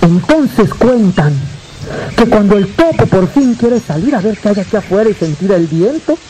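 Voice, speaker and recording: Mexican storyteller man, high voice, dramatic repeats, jokes to the crowd, faint noise behind. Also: animated, mellow, poor audio. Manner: dramatic, drawn-out repetitions and joking asides to the audience. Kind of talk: live oral storytelling.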